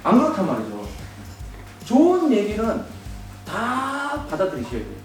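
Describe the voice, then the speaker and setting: A man giving a lively workshop lecture to teachers, acting out students and teachers in quick voices and asking the room questions. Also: high voice, recorded from a distance. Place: large basement seminar hall, in front of an audience. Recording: roomy echoing hall, mic from afar, faint music.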